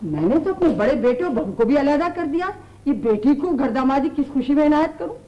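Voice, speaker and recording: An actress playing an anxious, genteel household matriarch who frets and bickers, in an old TV drama. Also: female voice, sits high, very animated, fairly quick, dark tone, poor audio. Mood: fretful. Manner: fretful and bickering. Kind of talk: 1980s TV drama acting. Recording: old TV drama audio, light noise.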